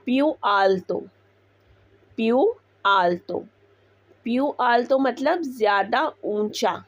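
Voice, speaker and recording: A woman teaching Italian words, repeating each one slowly before explaining it. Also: fairly high pitch, no room sound, dull audio. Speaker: language teacher. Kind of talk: slow Italian vocabulary lesson.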